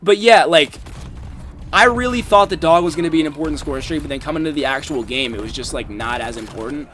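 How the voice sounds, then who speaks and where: A man's voice: fairly high pitch, fairly quick, a bit bright, slight background noise. Casual young man ranting about a game. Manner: casual, swears often, rambling with fillers. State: has the hiccups. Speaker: gaming YouTuber. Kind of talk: casual commentary over gameplay.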